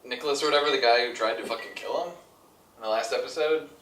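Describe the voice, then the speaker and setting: A man's voice: medium pitch, fast. Young guy hosting a chill chat, laughs a lot, kinda far from the mic, echoey room. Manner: relaxed, laughing, wraps up the show. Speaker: podcast host. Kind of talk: casual chat.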